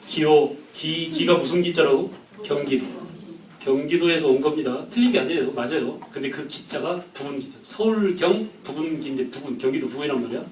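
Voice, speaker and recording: A man teaching a history class, firing quick questions at the students and joking with them. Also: fairly high pitch, darkish tone, roomy sound, far from the mic, low-quality recording. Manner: quizzes the class with quick questions, jokes and laughs. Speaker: history lecturer.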